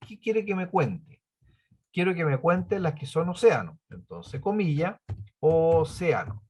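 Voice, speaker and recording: A man teaching a spreadsheet lesson, patiently explaining formulas step by step and counting items aloud. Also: a little high. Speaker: computing teacher.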